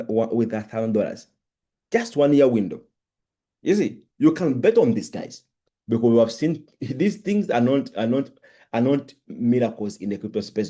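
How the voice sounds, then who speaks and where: Husky man hyping crypto, crypto-bro style. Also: dark tone. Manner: hyped crypto-bro pitching, emphatic and repetitive; halting, stammering and repeating words. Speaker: crypto promoter presenting on a live Zoom call. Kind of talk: live sales pitch presentation. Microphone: online video call.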